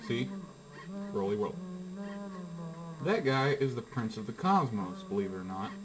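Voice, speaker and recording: A man reviewing a video game as he plays, giving casual commentary in short, halting phrases with asides. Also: mid-range voice, very animated, rough recording.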